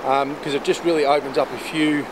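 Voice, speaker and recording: A man's voice: a little high, level tone. A man giving casual, hesitant vlog narration as host of an outdoor fishing trip, out on a river. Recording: clear outdoor river noise. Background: rushing water and boat sounds.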